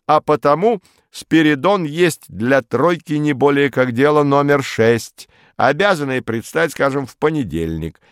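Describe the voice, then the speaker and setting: A man doing a shrill fussy pedant. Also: expressive, a little slow, clean tone, dry recording, clean studio sound. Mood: lecturing. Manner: pedantic, lecturing, insistent. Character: fussy pedantic male official, shrill and lecturing.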